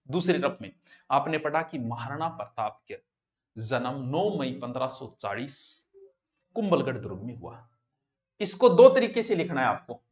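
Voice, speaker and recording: A man's voice: on the high side, fairly bright tone. A male coaching teacher, giving a direct, conversational exam-prep lecture to students. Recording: dull lo-fi classroom recording.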